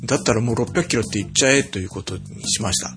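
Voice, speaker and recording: A man's voice: on the low side, racing, a bit bright, soft background music. A man co-hosting a chat podcast, teasing his partner with dry jokes. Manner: teasing, dry joking asides. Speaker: podcast co-host. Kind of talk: casual chat.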